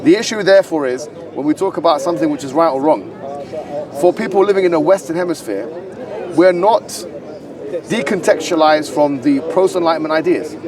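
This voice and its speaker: A fairly high-pitched male debater with a London accent argues and lectures quickly and insistently in an outdoor public park. He's recorded from a distance on the street with a crowd around him.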